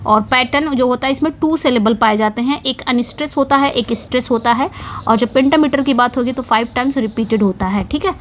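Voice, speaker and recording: A woman teaching English literature for exams, explaining each question in Hindi and reading the English slowly, repeating key words as she writes on a board. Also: fairly high pitch, slight background noise. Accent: Indian English. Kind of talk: exam-prep lesson.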